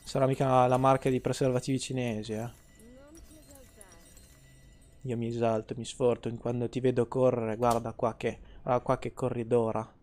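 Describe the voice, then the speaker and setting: A man's voice: mid-range voice, level tone, moderate pace, darkish tone. A man, streaming gameplay and ranting at his chat, swearing freely and teasing. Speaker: game streamer. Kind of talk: casual live-stream gameplay commentary.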